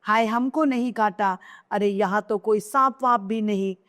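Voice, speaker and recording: A woman's voice: mid-range voice, unhurried, a bit bright, big-room sound, lightly acted. A woman voicing a grieving queen mother who laments over her dead son with repeated cries. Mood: grief-stricken. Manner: wailing lament, cries of hai.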